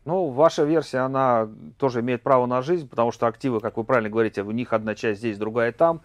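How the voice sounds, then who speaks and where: A man's voice: mid-range voice, fairly even intonation, fast, no room sound. A man giving commentary in a panel discussion. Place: small room studio, indoors.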